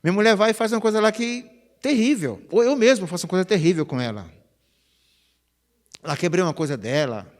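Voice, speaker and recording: A pastor, preaching a chatty, conversational sermon. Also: male voice, sits high, a little fast, pauses often. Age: 50s. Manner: chatty, animated, peppers phrases with "né?". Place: church sanctuary. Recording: reverberant church hall.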